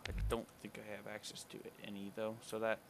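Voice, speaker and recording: A man's voice: on the low side, monotone, a little fast, creaky, background noise. A man streaming a building game, rambling and correcting himself as he thinks aloud. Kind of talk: casual gameplay commentary.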